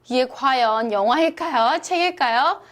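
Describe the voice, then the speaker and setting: A woman's voice: sits high, animated, moderate pace, fairly bright tone. A young woman teaching English pronunciation in a cheerful, coaxing lesson voice, often asking her listeners questions. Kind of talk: upbeat lesson narration.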